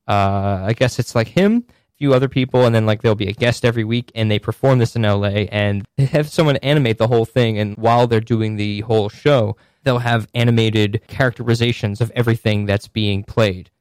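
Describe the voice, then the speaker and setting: A man's voice: lowish voice, brisk, a little mellow, smooth, no echo. A man hosting a casual chat, rambling along with many fillers and asides. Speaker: podcast host.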